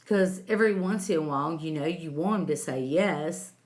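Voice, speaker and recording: A woman's voice: sits low, darkish tone. A woman hosting a casual livestream, chatting with viewers and calling them sweetie and honey. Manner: slow, homey, calls viewers sweetie and honey. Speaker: livestream host reading chat.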